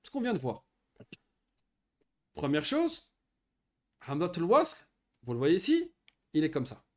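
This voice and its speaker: Male teacher, slightly high, very animated pitch; patient, checks in often with young pupils. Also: a little slow. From Morocco. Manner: patient, lively explanations with frequent checking questions. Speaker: Arabic teacher. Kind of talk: online Arabic grammar lesson for children.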